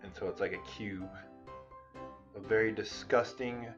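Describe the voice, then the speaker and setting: A man's voice: fairly low pitch, fairly even intonation, measured pace, lo-fi sound, music in the background. A man vlogging casually at home, rambling and swearing while he talks to viewers as he works with food. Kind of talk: casual vlog commentary while cooking. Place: home room with cat hair around.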